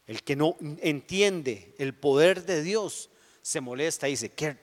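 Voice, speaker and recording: Man, pastor, sermon, somewhat high voice, rhetorical questions, long church reverb. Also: slow pace. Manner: animated, rhetorical questions, dramatic tempo swings.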